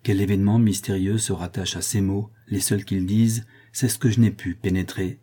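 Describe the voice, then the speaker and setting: A man narrates a classic novel in a low, mellow voice. His delivery is slow and solemn. A slight husky grain runs through his reading. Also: steady tone. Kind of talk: scripted audiobook narration.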